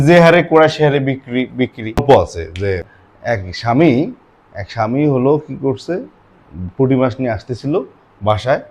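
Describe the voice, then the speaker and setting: Male grammar teacher, talks it through question by question, mid-pitched. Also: darkish tone. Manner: asks questions and answers them himself. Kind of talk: classroom lesson with asides and a told anecdote.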